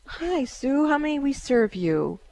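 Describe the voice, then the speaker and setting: A middle-aged woman hosting a call-in radio show as a psychic medium, talking calmly and soothingly with many fillers. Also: gravelly, dry recording. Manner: calm, soothing, with frequent fillers; chants in a high drawn-out voice.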